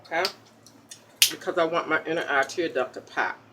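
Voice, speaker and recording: A woman's voice: low-pitched, normal speed, heavy background noise. A woman hosting a casual makeup tutorial in an ASMR style, chatty and popping gum, checking in with "okay?" after each step. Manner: pops chewing gum while talking.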